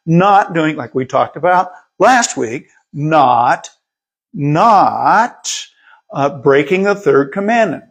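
A man's voice: on the high side, lively intonation, slow pace, husky. A middle-aged male pastor preaching a sermon in a conversational way, often repeating words as he reads and explains scripture.

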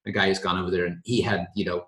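Laid-back American male host, very low voice, echoey room, rambling casual delivery. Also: level tone, quick pace, a bit bright. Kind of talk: casual chat.

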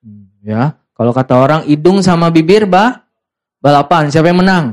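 A young male preacher with a notably high-pitched voice delivers a casual, slangy youth sermon. He teases his listeners playfully and acts out the lines he quotes. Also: moderate pace. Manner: playful, teasing the congregation and acting out quoted lines.

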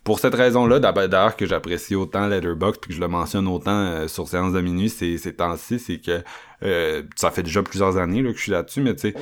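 A man with a Quebec French accent hosts a casual film podcast. His voice sits very low, and he talks in a relaxed, hesitant way, full of fillers. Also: brisk. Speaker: podcast host.

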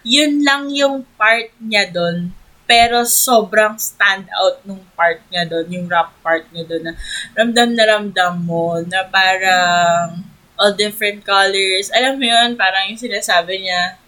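A woman with a Filipino accent chatting as a podcast co-host, gushing and excitable, slipping English into her Tagalog. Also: medium pitch, takes it slowly, poor audio. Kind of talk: casual fan chat.

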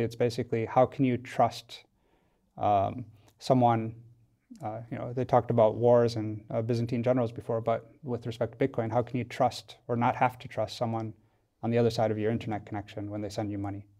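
A man in a studio, an American tech company founder from Wisconsin, guests on a podcast and explains things thoughtfully in hesitant, casual interview talk. His medium-pitched, dark-toned voice shows little pitch movement and runs a little fast.

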